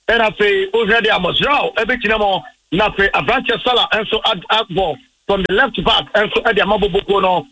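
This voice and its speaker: A man from Ghana giving a brisk live radio match report from among the fans, mixing in English phrases. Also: sits high, pushed and bright, no room sound, low-quality recording. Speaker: field reporter.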